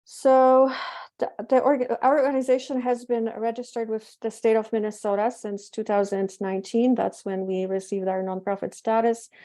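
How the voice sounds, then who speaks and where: Woman, Polish accent, middle-aged, lecture presenter, mellow tone, halting with self-corrections. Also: fairly high pitch, little pitch movement. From Poland. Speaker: presenter, physician and project curator.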